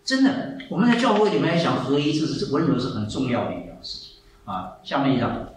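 Man, 70s, church preacher, animated storyteller who repeats himself, voice swinging high and low, faint room ambience. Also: a little fast, a little hiss or hum. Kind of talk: sermon. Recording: echoey hall, mic far off, faint ambience.

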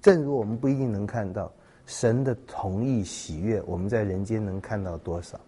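A man giving a Bible teaching sermon, reading scripture and explaining it in a measured way, with fillers and repeated words. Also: lowish voice, dark tone, slightly rough. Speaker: preacher.

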